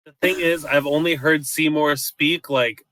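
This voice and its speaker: A man's voice: fairly high pitch, steady tone, measured pace, a bit bright, a little hiss or hum, rough recording. A man playing a tabletop game, tossing in joking asides. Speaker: player.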